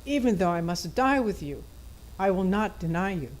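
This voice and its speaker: A woman's voice: on the low side, expressive, moderate pace, a little mellow. A woman reading a gospel passage formally as a church reader. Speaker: scripture reader at a Good Friday service.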